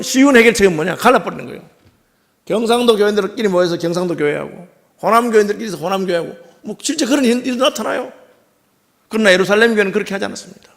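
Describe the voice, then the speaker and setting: A man's voice: high voice, creaky, fairly bright tone. A middle-aged male pastor with a Gyeongsang accent, preaching a sermon in a conversational way and often putting rhetorical questions to the congregation. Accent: Gyeongsang Korean. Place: church sanctuary.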